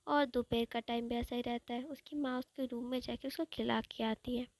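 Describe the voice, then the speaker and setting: Woman storyteller, chatty retelling, high voice, gravelly, dry close sound. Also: steady tone, moderate pace, no room sound, rough recording. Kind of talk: casual fan-fiction storytelling.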